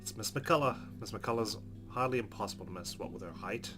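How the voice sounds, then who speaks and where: A let's player with a lowish voice and a brisk pace plays a visual novel, reading the narration aloud expressively. Guitar-driven game music runs underneath his casual, wry asides.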